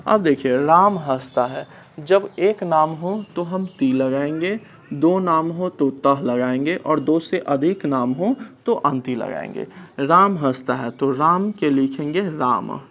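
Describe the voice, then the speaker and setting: Male tutor, unhurried and methodical, talks students step by step through translation drills, slightly raised pitch. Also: fairly bright tone. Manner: slow, patient, asks and answers his own questions. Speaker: Sanskrit teacher. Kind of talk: classroom lesson explaining translation.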